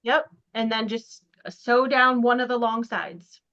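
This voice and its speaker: A woman's voice: on the high side, fairly even intonation, a little slow, a bit bright. Giggly woman host guiding a sewing stream. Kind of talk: casual instructional chat on a live stream. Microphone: video call. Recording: muffled video-call audio.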